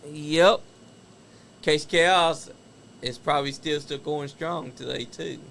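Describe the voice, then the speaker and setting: A fairly high-pitched man with a creaky, fairly bright voice speaks at a slow pace as host of a casual wrestling talk show. He gives chatty, opinionated commentary on old matches and laughs at the stories, over a little hiss or hum.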